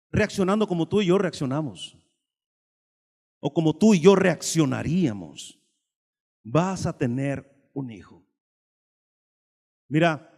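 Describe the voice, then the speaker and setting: A high-voiced man preaches a lively sermon, shifting between loud, emphatic bursts and quiet asides. His voice rings with a long reverb, as in a church hall. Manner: animated, swings between loud emphasis and soft asides, acts out dialogue. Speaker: pastor.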